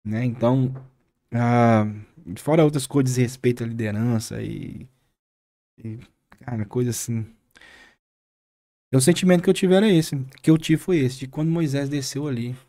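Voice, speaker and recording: A man, a pastor with a Brazilian accent, earnestly retelling a moving experience as a podcast guest, with halting restarts. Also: mid-range voice, mellow. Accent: Brazilian Portuguese. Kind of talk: podcast interview storytelling.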